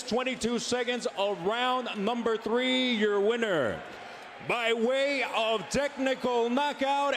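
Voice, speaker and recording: A male ring announcer pitches his voice high in a grand lucha libre manner. He stretches out his formal fight announcements for a live arena, with some noise around him. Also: a bit bright. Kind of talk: bilingual Spanish and English fight announcing. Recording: noisy live arena sound.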